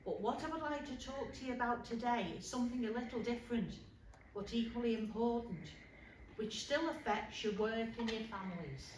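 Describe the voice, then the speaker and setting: On stage in a public hall, a woman plays a working-class suffragist delivering a stirring rally speech, emphatic and deliberately paced with pauses, for a live audience. Her voice runs on the high side but close to everyday speech, warm and earnest in feel. The hall recording sounds distant, roomy, and noisy.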